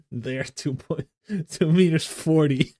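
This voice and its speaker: The voice here sits fairly high with a darkish tone, belonging to a young Dutch man from the Netherlands who streams. He chats casually with viewers in a Dutch accent, laughing often and restarting sentences, all in studio quality with no room sound.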